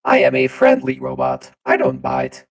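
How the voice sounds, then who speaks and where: A man using a deep pitch-shifting voice changer to voice a friendly robot champion with glitchy updates, trying the lines out both flat and with feeling. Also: normal speed, vocal fry, exaggerated voice. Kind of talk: voice-line tryout on a live stream.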